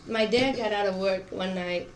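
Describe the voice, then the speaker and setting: A middle-aged Cuban woman who speaks Spanish answers questions in an oral history interview, where she is the interviewee and works at an auto plant. Her voice is medium in pitch and her speed is normal. Background noise is clearly audible on the recording.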